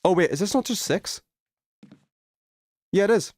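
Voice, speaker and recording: Here a man with a high, expressive, slightly mellow voice speaks a little slowly over a dry recording. It's casual chat during a video game live stream, where he thinks aloud informally while solving puzzles.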